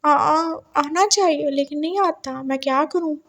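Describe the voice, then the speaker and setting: A woman's voice: high-pitched, a little slow, fairly bright tone. A woman voicing a nervous, flustered young man who stammers and gives in.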